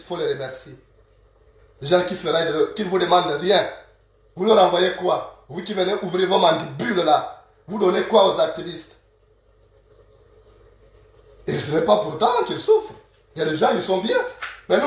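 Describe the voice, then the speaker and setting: A man from Gabon with a Gabonese French accent, ranting straight to camera as an online activist, scolding and insulting his listeners and repeating proverbs slowly. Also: high voice, animated. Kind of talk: angry direct-to-camera rant. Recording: very echoey room, from a distance.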